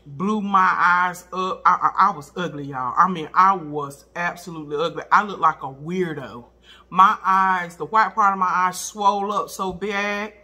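A middle-aged woman hosting a mukbang video chats casually while eating, her voice very bright and forceful yet lowish, at a moderate pace. She chews as she talks, and her manner is folksy and expressive, with words repeated for emphasis.

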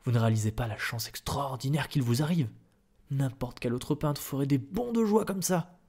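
A man voicing a placid, oily newspaper director who hems and hedges, in a soft-spoken ASMR reading. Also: medium pitch, lively intonation, normal speed, pitched above the performer's own voice. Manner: oily, hesitant with ums. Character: smooth, placid middle-aged male newspaper director, unctuous.

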